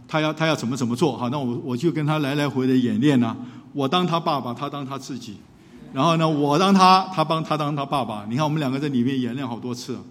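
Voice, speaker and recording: A man, a pastor and counselor, telling a story in a sermon with lively acted-out dialogue. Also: mid-range voice. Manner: animated storyteller who acts out dialogue. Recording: long hall reverb.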